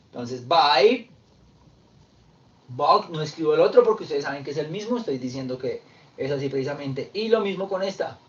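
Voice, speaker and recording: Man, English teacher, online class, fairly high voice, far from the mic, muffled lo-fi sound. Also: lively intonation. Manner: slow, repeats verb forms for drilling. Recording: distant, dull lo-fi audio with faint noise.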